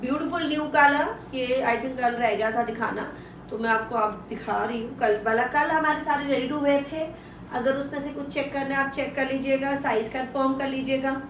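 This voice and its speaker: Indian woman, live-shopping seller, high voice, unscripted Hindi-English patter, distant roomy sound. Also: moderate pace, fairly bright tone. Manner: mixes Hindi with English phrases; repeats prices and details to push buyers. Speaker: live shopping presenter selling women's clothing. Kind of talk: live online sales pitch, casual and unscripted. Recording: roomy echo, distant mic, faint noise.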